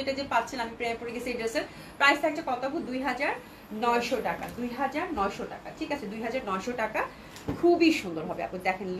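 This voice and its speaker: A woman with a Bangladeshi Bengali accent hosting a live clothing sale, chatting with viewers and repeating prices, with a cold that keeps her speaking softly. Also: fairly high pitch, a little hiss or hum. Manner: chatty, repeats prices, mixes in English words. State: has a cold, talking softly to avoid coughing. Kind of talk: live sales chat with viewers.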